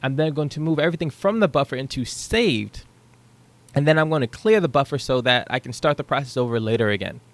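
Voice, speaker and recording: A young man, working as a programming tutor, gives a casual screen-share walkthrough of his code, thinking aloud with the odd um and asking "right?". His mid-range voice is expressive and fairly quick. The headset recording, made in a small room at home, has no echo.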